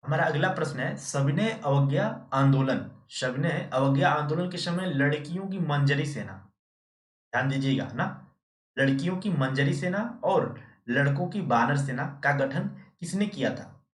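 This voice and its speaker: A man's voice: a little high, lively intonation, a little slow. A man teaching history as a quiz host, asking questions and answering them himself, and answering viewers by name. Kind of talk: live quiz lesson. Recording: echoey room, distant mic.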